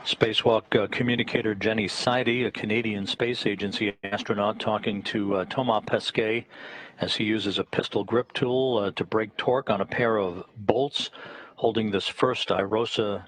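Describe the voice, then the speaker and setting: Deep-toned man giving live commentary. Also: fairly even intonation, fairly bright tone, rough recording. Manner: measured, with frequent "uh" pauses. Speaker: broadcast commentator.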